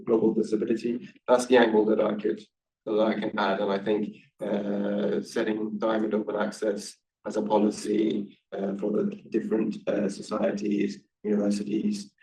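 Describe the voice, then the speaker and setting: Man panelist, deep monotone, halting, echoey distant room. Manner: hesitant, many fillers. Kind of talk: panel discussion. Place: conference room. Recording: roomy hall audio from a distance.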